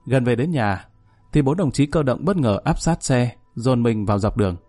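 A man's voice: medium pitch, expressive, moderate pace, dark tone, no room sound. Wry man narrating a story. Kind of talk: first-person story narration. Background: faint music.

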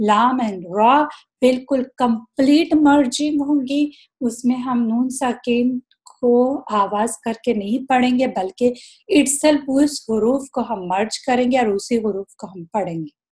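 A woman's voice: on the high side, a little mellow. Woman teaching Quran recitation rules. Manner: explains slowly, drawing out each recited example; mixes English words into her explanations. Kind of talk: recorded tajweed lesson.

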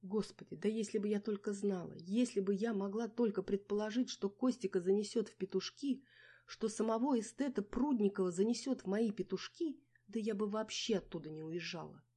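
A woman reading a first-person novel aloud as narrator, in a wry, lively storytelling manner. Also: mid-range voice, a little fast, breathy edge. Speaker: audiobook narrator.

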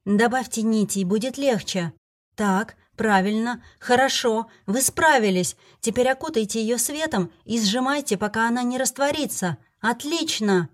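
A woman reading the part of a kind elderly male healer in an audiobook, calm and instructive, with no strong change from her own voice. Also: on the high side, normal speed, pitched above the performer's own voice, natural voice. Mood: encouraging.

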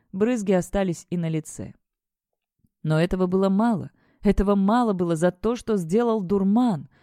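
This is a steady, measured audiobook narrator with a mellow, dark tone. The mic is close and dry. Each line is read with even control. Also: mid-range voice, no echo.

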